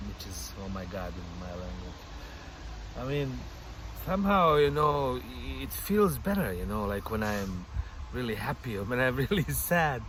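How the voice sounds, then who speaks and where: This vlogger speaks in a low, musing voice, his first language Bosnian, as he sits outdoors on a bench by a lake. His casual monologue is reflective and wandering, full of "you know" and gentle laughter, with outdoor sounds and passing traffic in the recording.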